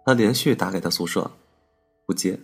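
A male storytelling host with a low, gravelly voice. He narrates in a calm, measured and wistful way. Faint instrumental music plays underneath him.

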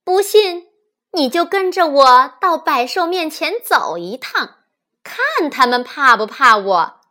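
A woman voicing a sly, boastful little fox in a children's storybook reading, shouting its bluff. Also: high voice, big pitch swings, takes it slowly, heavily acted. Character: sly boastful male fox, small and thin.

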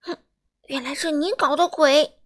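A woman's voice: high voice, steady tone, measured pace, pitched above the performer's own voice. A woman voicing a tiny, timid, put-upon little man in a children's storybook, who talks in a plaintive way.

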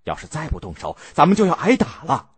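A man's voice: on the high side, wildly swooping pitch, a little fast, slightly rough, pitched above the performer's own voice, full character voice. A man voicing a blunt, impatient noble adviser who urges action. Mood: urgent. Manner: urgent, blunt.

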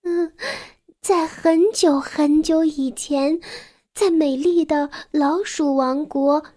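A timid little girl mouse from a storybook begins a tale in a trembling, raised voice, as a woman puts her on. She speaks slowly and softly. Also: high voice, fairly even intonation, pitched above the performer's own voice. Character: shy young girl mouse telling a story.

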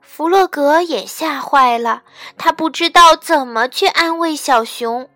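A woman reading a children's story aloud in a gentle, expressive way. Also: high-pitched, unhurried, no echo. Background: faint background music.

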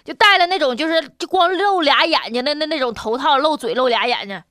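A woman's voice: sits high, animated, a little fast, pushed and bright, no echo, clean studio sound. A woman hosting a radio show, telling news stories in a jokey, teasing way with casual asides.

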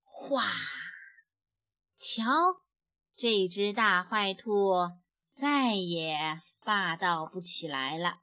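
Bright, slow-reading woman storyteller. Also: medium pitch. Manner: gentle, expressive, drops softly at sentence ends. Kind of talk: picture-book read-aloud.

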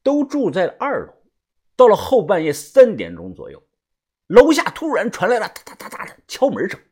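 A man's voice: sits high, wildly swooping pitch, darkish tone, husky. A man narrating a novel as an audiobook, in a conversational storytelling manner with fillers. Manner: storytelling with frequent fillers and pauses.

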